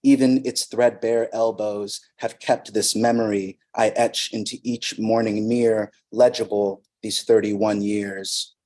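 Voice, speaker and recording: A man reading his own poems aloud at a reading event, measured and soft at the line ends. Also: fairly low pitch, little pitch movement. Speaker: poet reading his work. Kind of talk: poetry reading. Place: arts center reading event.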